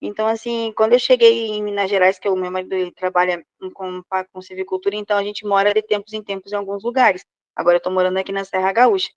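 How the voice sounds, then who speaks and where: A woman's voice: mid-range voice, flat delivery, fast talker, no room sound. A woman with a Rio Grande do Sul border accent, chatting in a group and often searching for her words. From southern Brazilian border region. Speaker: therapy student. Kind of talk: group discussion. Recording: dull, dry lo-fi sound.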